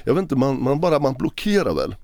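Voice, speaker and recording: A man speaking as a podcast guest, recounting a personal story in a halting, emotional way with many restarts. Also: mid-range voice, sing-song, darkish tone, no echo. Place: podcast recording session.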